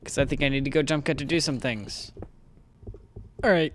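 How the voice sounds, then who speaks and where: A man's voice: fairly high pitch, steady tone, moderate pace. A young man hosting a gaming video, rambling casually through gameplay commentary and often correcting himself mid-sentence on a desktop mic at home. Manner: rambling, self-correcting, chatty. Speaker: gaming channel host. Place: home room with a fan running. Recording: faint background fan noise.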